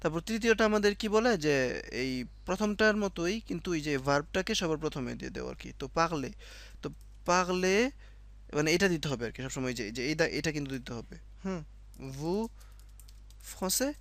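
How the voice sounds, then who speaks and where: A man's voice: fairly high pitch, animated, brisk, creaky, a bit bright, no echo. Man teaching, dry close sound. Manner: explains step by step, repeats himself, many fillers and self-corrections. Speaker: French teacher. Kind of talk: casual spoken lesson.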